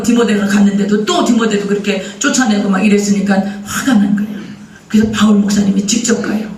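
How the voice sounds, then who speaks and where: A man preaching a sermon as pastor, telling a story in a lively way and asking the congregation questions. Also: high voice, roomy sound, far from the mic, poor audio. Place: church sanctuary.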